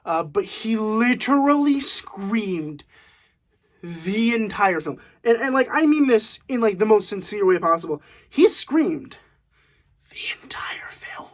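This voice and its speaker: A young man at home giving a casual, animated movie review, laughing often and using lots of fillers. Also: sits high, unhurried. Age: young adult. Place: room at home.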